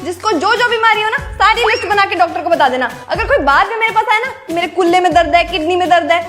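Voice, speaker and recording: A young woman performs a chain of comic sketches, teasing and lively as she switches between characters. Her voice sits very high, and a steady music track runs beneath every line. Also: fast. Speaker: skit performer. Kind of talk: comic skit acting. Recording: music bed under speech.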